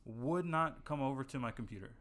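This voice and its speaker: A man's voice: medium pitch, animated, a little fast, fairly bright tone, slight background noise. Young man, podcast co-host, casual rambling chat, lots of ums. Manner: rambling, filler-heavy storytelling.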